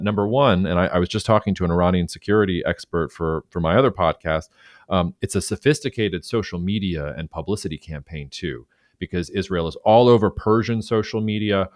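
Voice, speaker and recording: In a studio-quality recording with no room sound, a low-voiced man co-hosts a podcast. His casual take on the news is chatty and loose, packed with fillers and restarts, and he livens up when quoting.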